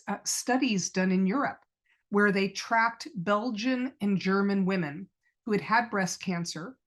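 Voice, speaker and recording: Middle-aged woman guest, medium pitch, earnest personal storytelling with quoted dialogue. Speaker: podcast guest.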